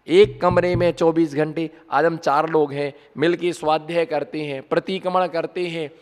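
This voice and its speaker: A man, a Jain monk, giving a conversational sermon full of rhetorical questions to his listeners. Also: fairly high pitch. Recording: long hall reverb.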